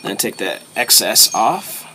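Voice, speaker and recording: A man casually talking through a hands-on demonstration step by step, in terse, short phrases with pauses between them. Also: lowish voice, sing-song, pushed and bright, a little hiss or hum, low-quality recording. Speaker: host of a pipe hobby video series.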